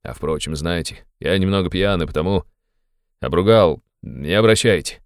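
A man reading an audiobook, voicing a drunk, excitable young man who blusters loudly and talks fast. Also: low voice, clear, resonant tone, no echo, clean studio sound. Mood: urgent, hushed. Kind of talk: audiobook character voice.

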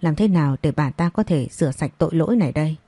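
Low, husky woman narrating a story. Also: quick pace, no echo. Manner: steady storytelling read. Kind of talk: scripted audio-story narration.

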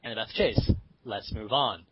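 A young man co-hosting a casual book chat, dropping deadpan jokes. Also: fairly low pitch, moderate pace, breathy edge, no room sound. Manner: joking, deadpan asides. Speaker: podcast co-host. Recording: dull lo-fi recording.

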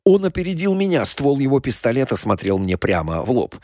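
Expressive male crime-novel narrator. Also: mid-range voice, fairly quick, no room sound, clean studio sound. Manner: expressive, dramatic. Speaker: audiobook narrator. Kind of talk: first-person crime narration.

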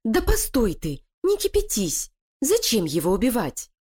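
A woman's voice: fairly high pitch, huge pitch swings, measured pace, a little mellow, husky, voice pushed up, exaggerated voice. A woman voicing Lilia, a sly, scheming female animal who talks in a cold, threatening, commanding way. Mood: soothing.

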